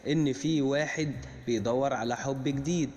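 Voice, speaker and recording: A man with an Egyptian Arabic accent retells a cartoon story for children, linking each event plainly and steadily to the next. His voice is mid-range and his pace moderate. Music plays in the background.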